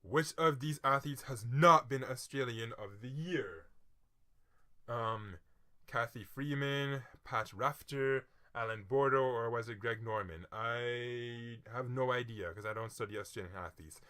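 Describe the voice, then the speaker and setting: Very bright-voiced man thinking aloud. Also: mid-range voice. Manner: chatty, self-mocking guesses, quick mutters and sudden excited outbursts. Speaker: quiz vlogger. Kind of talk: casual thinking aloud while reading a quiz.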